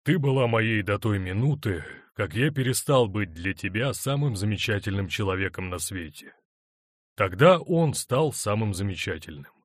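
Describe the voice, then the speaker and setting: A man's voice: on the low side, lively intonation, moderate pace, no echo. Man as a hurt husband, wry and stern, controlled, dry close sound.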